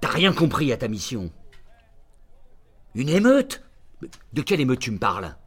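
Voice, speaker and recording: An actor playing an irascible, sarcastic, foul-mouthed agent barking orders over the phone in a radio drama. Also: male voice, mid-range voice, wildly swooping pitch, normal speed, husky. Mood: furious. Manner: sarcastic, bullying, blunt. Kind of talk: radio drama acting, phone-call monologue.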